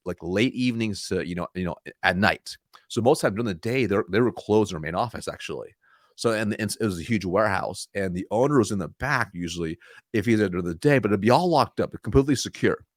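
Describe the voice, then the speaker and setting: A man's voice: fairly low pitch, no echo, clean studio sound. A man in his thirties, a sales coach and podcast guest, telling a story animatedly, often laughing and acting out what people said.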